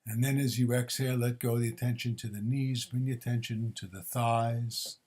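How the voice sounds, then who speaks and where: Leading a body scan meditation, this teacher speaks in a steady, mid-range voice. His instructions come gently in short, measured phrases with pauses between them.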